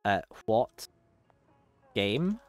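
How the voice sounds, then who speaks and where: A man's voice: lowish voice, very animated, drawn-out words. A man casually commenting on his own speedrun as he plays, thinking aloud, swearing freely and poking fun at himself. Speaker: speedrunner streaming his run. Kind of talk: casual live commentary over gameplay. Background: faint game music.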